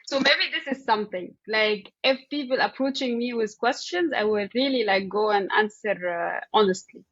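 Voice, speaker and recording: A slightly high, somewhat bright female voice belongs to an interview guest with an Egyptian accent. She talks conversationally and searches for words haltingly, repeating "like" as she thinks aloud. The recording is muffled and a bit roomy.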